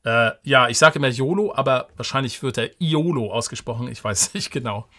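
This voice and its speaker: Mann mit normaler mittlerer stimme, streamt und redet locker über das spiel. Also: male voice, mid-range voice, steady tone, fairly quick, bright, forceful tone. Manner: chatty, hesitant fillers, thinking aloud. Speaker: let's player, livestream host. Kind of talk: casual live gameplay commentary.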